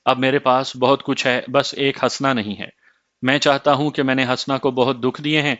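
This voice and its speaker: A man's voice: medium pitch, a bit bright, no room sound, lightly acted. A man reading the part of a remorseful estranged husband who pleads and implores, in a slightly muffled dry recording.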